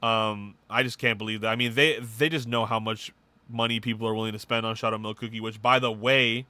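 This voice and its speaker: Excitable slangy man, bright and dry. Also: on the low side, fairly quick, dry recording. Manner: excited, swearing, slangy game news rundown. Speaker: podcast co-host. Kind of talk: casual chat.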